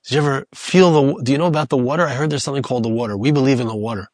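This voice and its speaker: A man voicing a curious little fish in a parable, speaking in a quiet, dry voice close to his own. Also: medium pitch, racing, no echo, lightly acted. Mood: puzzled.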